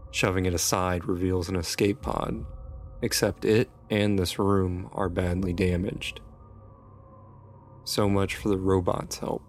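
A man narrating a first-person scripted horror story in a steady, suspenseful way. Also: low voice, measured pace, slight background noise. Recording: music bed behind narration.

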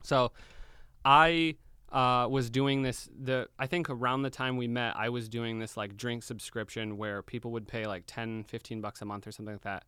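Animated young man, bright crisp voice. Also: medium pitch, moderate pace, dry recording, clean studio sound. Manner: animated storyteller who swears freely. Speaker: podcast guest. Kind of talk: casual chat.

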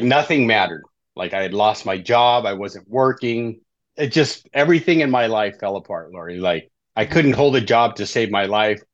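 A middle-aged man speaks as an interview guest, telling his life story in a loose, conversational way and checking in with "right?" again and again. His voice sits at an ordinary middle pitch. The recording is dull and somewhat lo-fi, with a dry sound and no room echo. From Southern California. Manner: conversational, keeps tagging lines with "right?". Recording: dull, slightly lo-fi dry audio.

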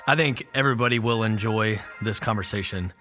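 A man's voice: fairly low pitch, fairly quick, over music. A man hosting an interview, introducing the guest with curiosity and enthusiasm. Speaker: podcast host. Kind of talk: casual interview conversation.

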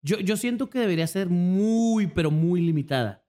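His voice is high-pitched and moderately paced, with a Mexican accent, as this content creator guests on a casual podcast. He tells stories in a relaxed, slangy way, packed with fillers.

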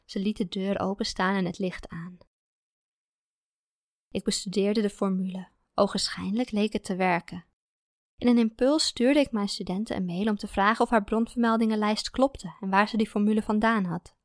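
A woman narrating a first-person story in a calm, even manner. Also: mid-range voice, normal speed, no echo, studio quality.

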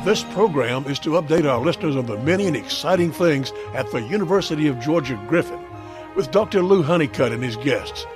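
A man's voice: on the high side, expressive, brisk. Male radio announcer over music. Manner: formal announcing. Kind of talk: scripted program introduction.

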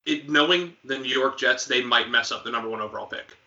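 Podcast co-host, man, very bright tone, dull lo-fi sound, casual sports banter. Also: mid-range voice. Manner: quizzing, joking, quick asides.

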